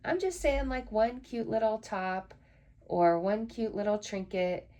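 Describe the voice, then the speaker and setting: A woman's voice: medium pitch, unhurried, warm tone. A woman hosting a casual solo podcast, chatty and frank, swearing now and then when frustrated. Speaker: podcast host.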